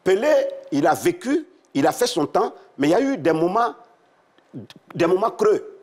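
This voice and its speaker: A man's voice: sits high, big pitch swings, normal speed. A man, a talkative studio guest chatting and laughing on a football show. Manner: talkative, laughs as he tells stories. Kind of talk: casual studio chat.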